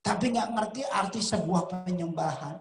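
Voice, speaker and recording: A man preaching a sermon, telling a personal story and rising to emphatic near-shouts, with English words slipped into his talk. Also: high-pitched, moderate pace, vocal fry, faint music behind. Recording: roomy echo.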